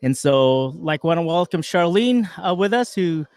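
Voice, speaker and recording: A man from the United States co-hosting a casual talk show, relaxed and loose with many fillers, speaking over a remote call. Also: a little high, moderate pace, smooth, dry recording, clean studio sound. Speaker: podcast co-host. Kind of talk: casual chat.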